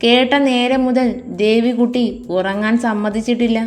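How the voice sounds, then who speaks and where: A woman's voice: a little high, little pitch movement, moderate pace. A woman reading a family love story aloud and voicing every character herself. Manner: shifts tone between narration and dialogue. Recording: faint music behind the voice.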